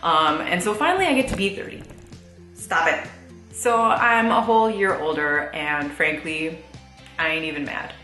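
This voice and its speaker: A woman's voice: low-pitched, lively intonation, normal speed, sharp tone, roomy sound, faint music behind. A thirty-year-old woman vlogging in a chatty, casual way, laughing often and using lots of fillers. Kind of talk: casual chat to camera.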